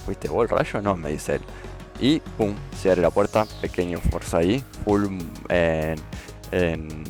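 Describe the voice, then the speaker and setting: A man's voice: sits low, vocal fry, darkish tone. A man giving casual gameplay commentary as a YouTuber, explaining step by step and often checking in with "¿sí?". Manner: explanatory, repeats "¿sí?" to check understanding. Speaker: gaming YouTuber. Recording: faint game music behind.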